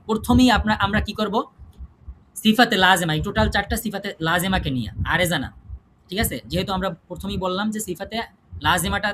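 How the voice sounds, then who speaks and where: A male tajweed teacher, leading an online class, repeating terms for drilling and asking his students rhetorical questions. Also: high voice. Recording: noisy online class audio.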